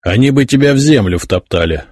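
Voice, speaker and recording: A man's voice: mid-range voice, expressive, brisk, a little mellow, no room sound, clean studio sound, voice pushed up, natural voice. A man doing a stern reproachful prince. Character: stern ruling prince and father.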